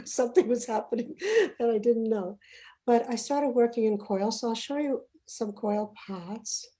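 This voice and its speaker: A middle-aged Ugandan woman hosts a casual online panel over a video call, chatty and often trailing off mid-sentence. Her voice is a little high and mellow, at a measured pace.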